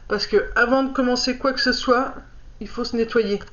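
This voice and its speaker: Her voice sits on the high side, fairly bright, with fairly even intonation and a moderate pace. A card reader giving a casual oracle card reading to the camera, she reads hesitantly and stumbles often, using many fillers, all in a dull lo-fi recording.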